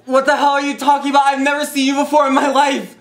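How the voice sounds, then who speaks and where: A man's voice: very high voice, completely flat delivery, quick pace, reverberant. A man acting a panicky young captive who stammers and pleads in an amateur short film.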